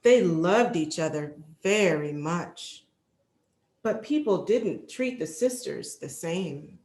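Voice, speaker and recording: A woman reading a children's picture book aloud in an expressive, deliberate storytelling manner. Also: on the low side. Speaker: storybook reader, library executive. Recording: roomy, echoing sound.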